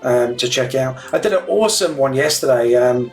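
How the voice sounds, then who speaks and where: A man's voice: mid-range voice, lively intonation, normal speed, soft background music. A man chatting casually and informally as he streams a flight simulator to viewers. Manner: matey, informal. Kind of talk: casual livestream chat.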